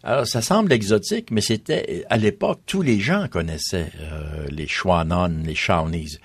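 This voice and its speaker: A history guest on a radio interview, a man with a very deep, husky voice, explains patiently and lists names one after another. He's animated at normal speed, and the sound is dry and close with no echo.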